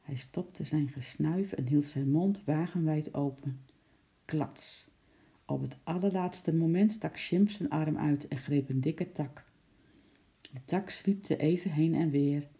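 A narrator reading a children's story aloud in a calm, even manner. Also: medium pitch, unhurried, vocal fry. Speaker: audiobook narrator.

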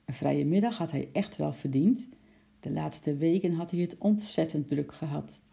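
Gravelly, dark-toned storybook narrator. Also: medium pitch, moderate pace. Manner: lively, expressive storytelling. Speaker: audiobook narrator.

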